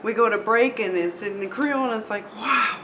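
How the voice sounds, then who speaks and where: A middle-aged woman from North America, a native Spanish speaker fluent in English, hosts casually, telling expressive anecdotes and addressing listeners. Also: on the high side, a little fast. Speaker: radio show host. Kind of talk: casual chatty interview. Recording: light background room noise.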